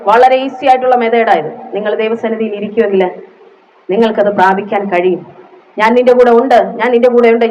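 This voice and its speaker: A woman's voice: on the high side, muffled recording, a little hiss or hum. Fervent Malayali woman preacher. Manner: emotional, rising into fervent prayer; frequent hallelujahs. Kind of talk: sermon.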